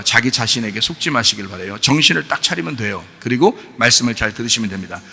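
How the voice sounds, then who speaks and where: A male pastor preaches in a church, his voice gravelly and intensely forceful, with a long reverb trailing each phrase. He pushes listeners with pointed questions, then drops to a calm, explaining tone. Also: medium pitch. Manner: exhorting, swings from shouted rebukes to soft explanation; addresses listeners directly with sharp questions. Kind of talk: sermon. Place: church sanctuary.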